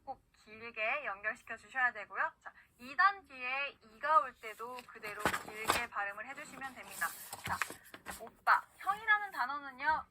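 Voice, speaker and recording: A woman teaching a recorded online pronunciation lesson, patiently saying words slowly for the learner to repeat. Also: high voice, expressive, very noisy. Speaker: language teacher.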